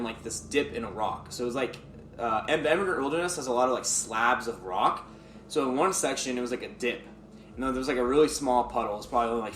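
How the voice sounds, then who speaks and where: A man's voice: medium pitch, a bit bright, slight background noise. A young man casually telling a personal story to his viewers, rambling and filling his speech with "like". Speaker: vlogger. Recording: roomy echo.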